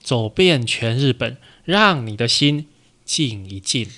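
A man voicing a calm, wise old male monk in a storytelling podcast. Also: medium pitch, slow pace, full character voice.

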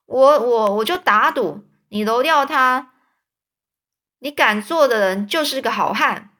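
Woman playing a cocky stranger boy, dismissive dares, high bright voice, storybook. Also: unhurried. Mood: scornful. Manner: sneering, dismissive retorts. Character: smartly dressed stranger boy, cocky and defiant.

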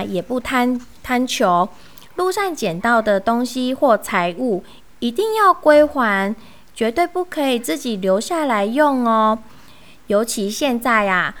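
A woman reading a children's story aloud in a gentle, sing-song, teacherly way, then talking to kids about the lesson. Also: fairly high pitch.

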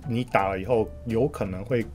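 A man with a Taiwanese accent chats casually as a podcast guest, in a halting way, often repeating short words of agreement in quick bursts. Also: fairly low pitch, a little mellow. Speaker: guest market commentator. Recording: music playing under the talk.

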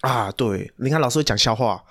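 A young man with a Taiwanese Mandarin accent, co-hosting a casual podcast and telling stories in an animated way, full of slang and swearing. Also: medium pitch, brisk. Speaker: podcast co-host. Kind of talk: casual chat.

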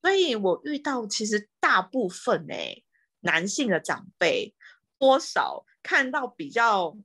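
A woman with a Taiwanese Mandarin accent, a home care worker, telling stories on a podcast in a lively way, acting out the dialogue. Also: medium pitch, slow. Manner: lively, animated retelling with quoted dialogue. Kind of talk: casual podcast storytelling.

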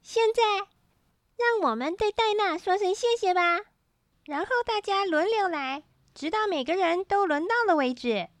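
A woman's voice: extremely high pitch, expressive, normal speed, dry recording, voice pushed up. A woman doing a hurt little boy rabbit. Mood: happy. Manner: whiny, tearful outbursts. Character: upset young boy rabbit, feels unloved.

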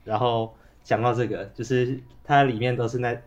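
A man with a Taiwanese Mandarin accent chats casually as a podcast co-host. His medium-pitched voice is muffled by a face mask, and he has a cold with a cough. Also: little pitch movement, moderate pace. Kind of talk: casual chat.

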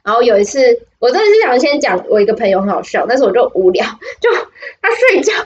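A young woman with a Taiwanese Mandarin accent co-hosts a podcast, telling stories in casual chat that is giggly, rambling, and full of restarts. Her voice is on the high side and sing-song, she speaks fast, and the audio is dull.

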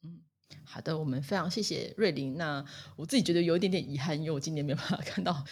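Quick, breathy woman host. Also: low voice. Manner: chatty, laughs easily. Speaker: podcast host. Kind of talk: podcast interview.

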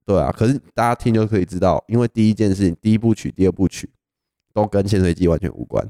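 Fast-talking young Taiwanese man, low mellow voice. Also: no room sound, studio quality. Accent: Taiwanese Mandarin. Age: young adult. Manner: animated storyteller, laughs often. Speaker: podcast co-host. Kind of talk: casual storytelling chat.

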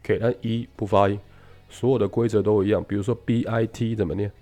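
A man's voice: lowish voice, flat delivery, brisk, dark tone, soft background music. A man teaching English phonics in Mandarin with a Taiwanese accent, explaining rules through a little story and mixing English words into his speech. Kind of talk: casual spoken English lesson.

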